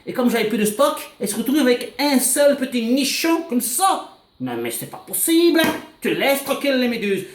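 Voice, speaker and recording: A man's voice: sits high, reverberant. A man doing a boastful, agitated comic rant, rambling and tacking "hein" onto his lines. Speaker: comic character monologue. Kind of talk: comedic character rant to camera.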